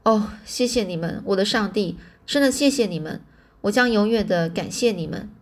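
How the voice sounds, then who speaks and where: A tearful mother gives quiet thanks in a low voice, as a woman reading a storybook voices her. The delivery stays hushed and close to plain reading. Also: expressive, moderate pace. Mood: grateful.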